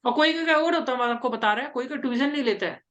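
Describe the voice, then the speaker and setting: A woman's voice: sits high, quick pace, fairly bright tone, lo-fi sound. A woman interview coach giving casual, repetitive advice and mixing English terms into her speech.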